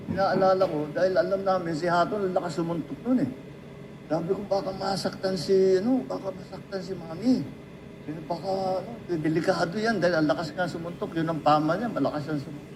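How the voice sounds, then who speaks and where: High-voiced Filipino man telling stories. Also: background noise. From Philippines. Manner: storytelling, addresses the listener directly. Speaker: speaker giving a tribute. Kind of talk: anecdotal speech.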